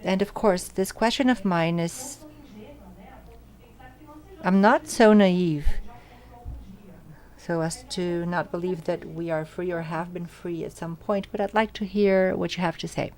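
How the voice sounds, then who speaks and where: A woman works as a simultaneous interpreter, voicing audience questions live for an academic symposium. Her voice is fairly low and a little mellow with fairly even intonation, and she trails each speaker closely in short bursts, pausing and correcting herself quickly.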